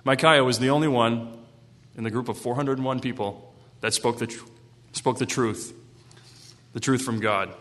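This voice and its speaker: A man's voice: medium pitch, steady tone, moderate pace, long pauses, fairly bright tone. A male preacher reading scripture aloud and then retelling it in casual language. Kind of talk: Bible reading with sermon commentary. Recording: long hall reverb.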